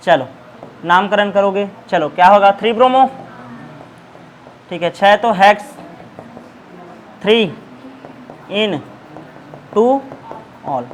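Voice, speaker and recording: High-voiced man teaching a chemistry class. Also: takes it slowly, long pauses, a little hiss or hum, poor audio. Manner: asks the class questions and repeats answers. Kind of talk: classroom lecture.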